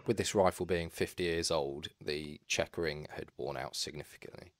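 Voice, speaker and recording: Brief: male tutorial narrator, deep and low-pitched, steady practical delivery. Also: moderate pace, no room sound. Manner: calm, practical, step-by-step advice. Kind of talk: instructional voice-over.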